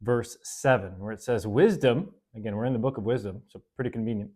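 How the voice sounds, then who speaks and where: A man with a fairly low voice hosts a casual Bible study, chatting in a relaxed way with fillers and self-corrections. When he reads verses, he goes slowly and deliberately.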